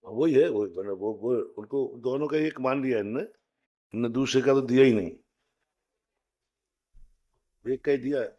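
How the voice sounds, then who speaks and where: A man teaching a Sanskrit grammar class, explaining step by step, slowly chanting rules and putting questions to his students. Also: mid-range voice, warm tone.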